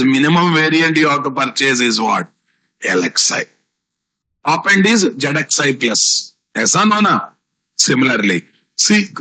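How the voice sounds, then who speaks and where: A man's voice: on the high side, sharp tone, low-quality recording. A man with a South Indian Telugu accent teaching a live online programming class, repeating key phrases and asking rhetorical questions. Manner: repetitive teaching with rhetorical questions and tag words. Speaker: software instructor.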